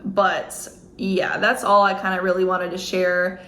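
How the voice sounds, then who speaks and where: A woman's voice: fairly low pitch, monotone, a little slow, sharp tone. Lady talking into her phone mic, dry skeptical chat, roomy echo. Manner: wry, skeptical, chatty. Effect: recorded on a phone. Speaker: YouTube commentator reacting to a clip. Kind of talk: casual reaction commentary. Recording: echoey room, faint background noise, phone recording.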